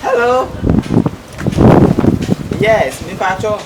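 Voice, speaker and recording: A man playing a slow, casual phone caller. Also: high voice, expressive, heavily acted. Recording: distant, windy outdoor audio.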